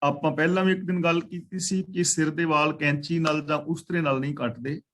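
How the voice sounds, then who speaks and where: A man with a fairly high voice leads a religious scripture lesson over an online class call. He recites each verse slowly and deliberately. Then he walks through its words one by one, correcting how they should be pronounced. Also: fairly even intonation, a bit bright. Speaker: Sikh scripture teacher.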